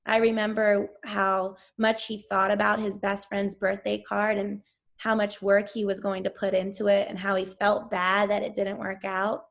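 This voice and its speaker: A woman's voice: mid-range voice, level tone, normal speed, vocal fry. A woman teacher reading a chapter book aloud to her class, then talking to her pupils.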